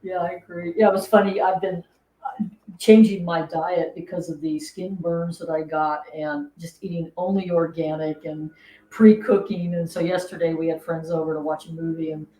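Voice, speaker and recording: Middle-aged woman chatting on a livestream, giggly, slightly low voice, echoey room. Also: fairly even intonation, normal speed, mellow. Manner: chatty, giggly, talks to viewers. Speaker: host. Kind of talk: casual livestream chat. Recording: echoey room, faint noise.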